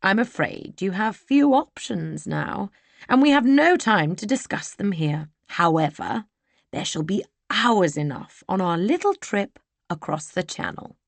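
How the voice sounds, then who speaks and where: A woman voicing a sly, mocking young gentleman villain for an audiobook. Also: mid-range voice, expressive, a little slow, gravelly, no echo, voice pushed up. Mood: smug. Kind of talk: audiobook character voice.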